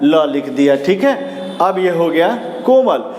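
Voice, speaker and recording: A man's voice: a little high, sing-song, a little slow, a little mellow. A man teaching an English lesson, asking questions, answering them himself and saying "very good" again and again. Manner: repeats "very good" as praise, answers his own questions. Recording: echoey room with long reverb.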